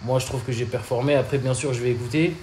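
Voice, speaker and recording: A man's voice: medium pitch, quick pace. A young man chatting casually as co-host, rambling and slangy. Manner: relaxed, rambling with fillers and slang. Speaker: podcast co-host. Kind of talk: casual chat. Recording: echoey room, faint ambient noise.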